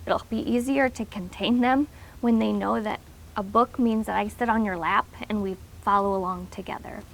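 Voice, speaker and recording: A woman's voice: mid-range voice, steady tone, normal speed, gravelly, slight background noise, low-quality recording. A woman giving an informal, instructional talk to parents, explaining things in an encouraging way.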